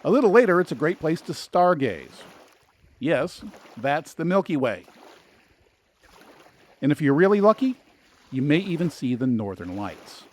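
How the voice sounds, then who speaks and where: A man's voice: a little high, very animated, a little slow, long pauses. A man narrating a travel video as a guide, scripted and informative, with dry, lightly sarcastic asides. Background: soft background music.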